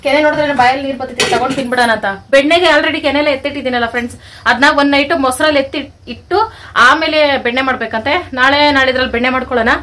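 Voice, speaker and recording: A young village woman from talks straight to her followers and calls them friends, chatty and homely. Her voice sits high and bright. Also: fairly even intonation, fast talker, a little hiss or hum. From Karnataka, India. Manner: chatty, addresses viewers as friends. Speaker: vlogger, channel host. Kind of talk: casual cooking vlog narration.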